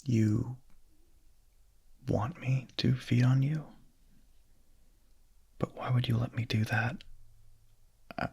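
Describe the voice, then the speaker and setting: Speaking in a soft, breathy, husky whisper, a man plays a young vampire who is hungry yet tender and unsure, pausing often as he goes. It's an intimate ASMR roleplay with a full character voice, medium in pitch and steady in tone.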